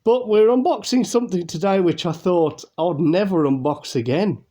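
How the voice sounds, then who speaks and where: An Englishman hosts a casual YouTube unboxing, chatty and rambling with fillers. His high, mellow voice moves at a moderate pace and sounds nasal and congested from a cold.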